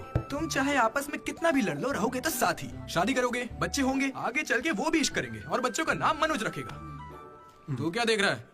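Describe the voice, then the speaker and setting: Dub: a brash college guy, high-pitched, lively, music underneath. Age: young adult. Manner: loud, brash, teasing. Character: cocky young male student, teasing. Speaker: college student. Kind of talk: Hindi film dubbing. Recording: film score behind.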